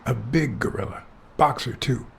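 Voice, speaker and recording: An actor playing a calm, courteous hard-boiled detective in a video game, asking questions in a measured, gravelly voice. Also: male voice, medium pitch, a little hiss or hum. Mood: calm, probing. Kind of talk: video game dialogue, film noir detective.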